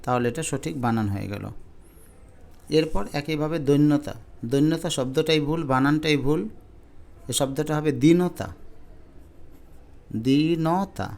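A man teaching a spelling lesson to exam students, explaining slowly and repeating each spelling step. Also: on the high side.

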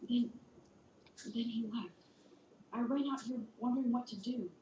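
A woman's voice: on the high side, moderate pace, mellow, roomy sound, dull audio, a little hiss or hum, lightly acted. An actress playing an anxious, earnest, introspective teenage girl in a video game, understated and uneasy. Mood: urgent, earnest.

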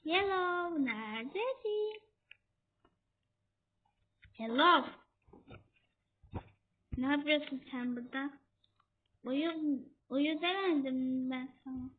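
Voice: high voice, slow, long pauses. A young gamer chatting to viewers and scolding an in-game baby during a horror game. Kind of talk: casual gameplay commentary. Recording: tinny phone-like audio with faint noise.

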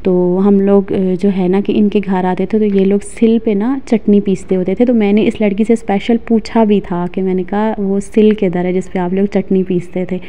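A woman's voice: medium pitch, flat delivery, moderate pace, hardly any pauses, dark tone. A woman in her thirties from Pakistan, chatting casually and reminiscing while vlogging outdoors in a mountain village, recording on a phone at arm's length. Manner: chatty, reminiscing, many fillers. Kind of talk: casual walking vlog narration. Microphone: phone held at arm's length.

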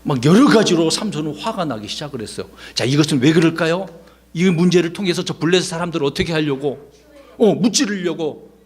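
A middle-aged male pastor giving a children's Sunday school sermon, telling the story with lively questions to the kids. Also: high-pitched, slightly rough. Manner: animated storytelling, quizzing children.

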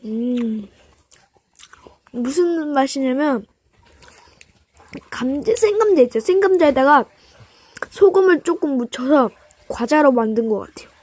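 A woman with a high voice hosts a casual snack-eating vlog. She presents to her viewers in polite, simple sentences. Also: expressive, moderate pace, darkish tone, no room sound. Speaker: host of a snack eating video. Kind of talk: casual mukbang vlog talk.

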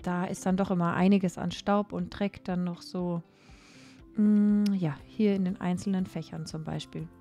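A young woman giving a casual, chatty voice-over about cleaning her home, with many fillers and pauses. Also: fairly low pitch, fairly even intonation, music in the background. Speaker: cleaning vlogger.

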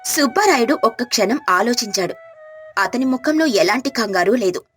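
A woman tells a children's moral tale in a clear, steady storytelling voice pitched a little high. Soft flute music plays quietly beneath the narration. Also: moderate pace.

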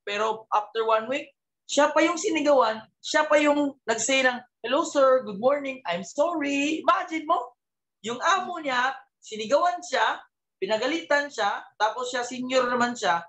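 At a business team gathering, a man with a very high voice delivers a lively motivational talk. He sprinkles in English words and keeps throwing rhetorical questions at his listeners.

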